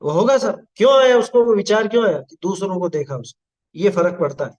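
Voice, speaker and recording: A high-pitched man delivers a religious talk on scripture. He scolds gently, slows down over listed phrases, and keeps checking with rhetorical questions whether his listeners follow. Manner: admonishing, asks rhetorical questions. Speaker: Jain scripture teacher. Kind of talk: religious discourse.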